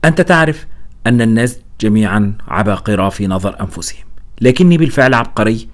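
A man's voice: fairly low pitch, expressive, quick pace, natural voice. A man voicing a vain old male scientist who explains his experiments in a proud, lecturing letter read aloud in an audiobook. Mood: boastful. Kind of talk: audiobook reading.

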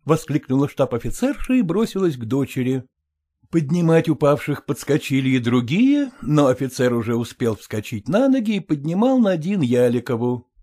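A man narrating a story aloud in an expressive, animated reading. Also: medium pitch, moderate pace.

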